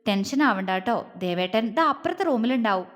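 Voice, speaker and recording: A woman voicing a grown man who is protective and tender, talking in a calm, serious, reassuring way. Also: on the high side, moderate pace, big-room sound, lightly acted.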